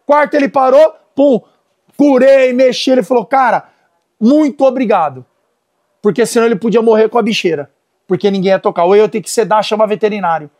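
High-voiced Brazilian dog trainer. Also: male voice, brisk. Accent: Brazilian Portuguese. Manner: animated storytelling, gives commands to dogs and helpers. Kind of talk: casual instructional talk.

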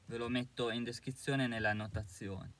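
A man's voice: mid-range voice, fairly even intonation, fairly quick, a bit bright. A man giving an indignant, emphatic monologue to camera as a commentator, with hesitant fillers between his points. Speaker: YouTube commentator.

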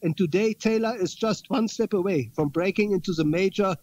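A man with a high voice talks earnestly as an interview guest, leaning on repeated words for emphasis. The audio is dull and lo-fi, like a remote call. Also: fairly quick, a little mellow. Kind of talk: interview conversation.

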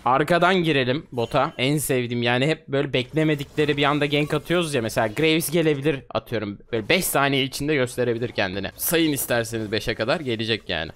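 A man in his twenties giving excitable, trash-talking commentary on his own gameplay. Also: medium pitch, quick pace, hardly any pauses. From Turkey. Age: 20s. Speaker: gaming streamer.

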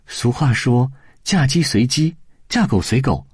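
Guy doing a stubborn princess talking to her dad, husky voice, dry sound. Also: mid-range voice, animated, a little slow, a little mellow, no room sound. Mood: firm. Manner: firm, dutiful. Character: resolute young princess, female. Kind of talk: storybook audiobook voice acting.

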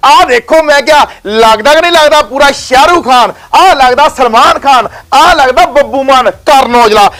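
A man hosting an excited shop promotion, dramatic and exclamatory, repeating phrases for emphasis. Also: extremely high pitch, low-quality recording. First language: Punjabi. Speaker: promotional video host.

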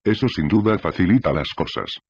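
A man voicing a gruff, scornful older pirate priest in an audiobook reading. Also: deep voice, animated, fairly quick, a little mellow, dry recording, muffled recording, exaggerated voice. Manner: scornful, blustering.

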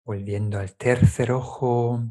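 A meditation teacher leads a guided meditation, gently giving calm, step-by-step instructions with small checking tags. He speaks slowly in a mid-range voice.

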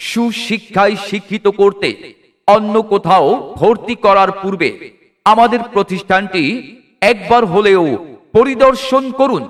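High-voiced man calling through a megaphone. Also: a bit bright, recorded from a distance. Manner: calling out, drawn-out repeated slogans. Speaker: advertising announcer. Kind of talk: loud promotional miking announcement.

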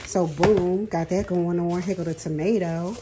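Speaking at a moderate pace in a lowish, steady voice, a middle-aged woman vlogs from her home kitchen, showing her groceries and chatting casually. She frequently laughs and says "girl" to her viewers; a phone camera films her hands over a counter, and there's a noisy background.

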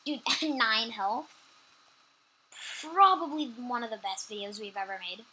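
A woman chatting casually while playing a computer game at home, quick to agree and often trailing off mid-sentence. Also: on the high side, pushed and bright, slight background noise, rough recording. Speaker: gameplay channel co-host. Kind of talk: casual gameplay chat.

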